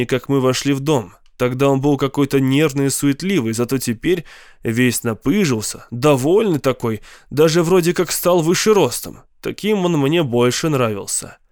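A man narrating a novel in a measured, unhurried way on a close studio mic. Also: medium pitch, darkish tone, clean tone, dry recording. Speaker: audiobook narrator. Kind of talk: scripted narration.

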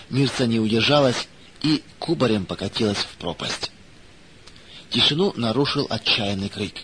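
Measured male storybook narrator, gentle, middle pitch, light background hiss. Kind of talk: scripted narration of a children's story.

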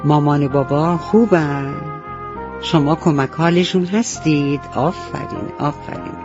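Gentle woman telling bedtime stories. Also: sits low, muffled recording, music in the background. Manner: gentle, affectionate, addresses children. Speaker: storyteller. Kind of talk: bedtime story narration for children. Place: radio studio.

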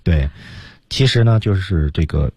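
Lively low-voiced male radio teacher. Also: breathy edge, dry recording, clean studio sound. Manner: drills phrases slowly, stresses key words. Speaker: English pronunciation teacher, radio host. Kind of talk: radio language lesson. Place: radio studio.

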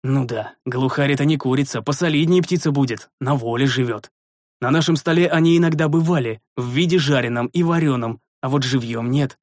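A man narrating a first-person fantasy story in a measured, expressive way. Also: mid-range voice, no room sound, clean studio sound. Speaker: audiobook narrator.

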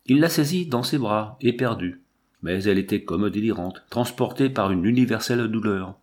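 A man reading a literary novel aloud in a measured, dramatic narration. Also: lowish voice, expressive. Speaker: audiobook reader.

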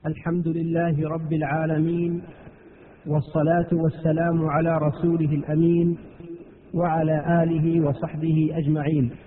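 A man reading a formal scripted introduction to a recorded lecture in formal standard Arabic, with measured classical diction. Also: fairly high pitch, level tone. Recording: phone-like thin sound, long reverb.

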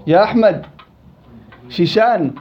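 A man's voice: sits high, measured pace, lo-fi sound. A man with a Levantine Arabic accent teaching a tajweed lesson, quizzing his students and repeating words to drill them. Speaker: Quran recitation teacher.

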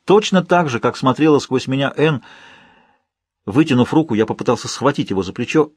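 A man tells a first-person story in a steady, measured way. His voice sits at an ordinary pitch with a husky, slightly breathy grain. The recording is close and dry. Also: dry recording. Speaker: audiobook narrator. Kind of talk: first-person audiobook narration.

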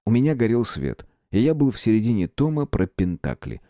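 A man's voice: fairly low pitch, brisk, no room sound, clean studio sound. A man narrating a fantasy audiobook in the first person, expressively. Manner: expressive storytelling. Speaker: audiobook reader.

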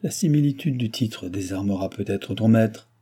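A man's voice: on the low side, moderate pace, mellow, husky. A man voicing a bold, self-assured noble traveler who talks in a confident, commanding and slightly mocking way.

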